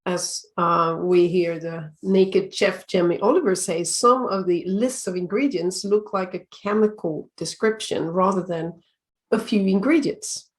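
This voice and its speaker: A woman from Sweden with a noticeable Swedish accent gives everyday lifestyle advice to the camera. Her delivery is calm and measured, and she slows down to stress the important points. She sounds middle-aged and is recorded close to the mic. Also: on the low side. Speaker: time-management coach. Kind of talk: video tip talk.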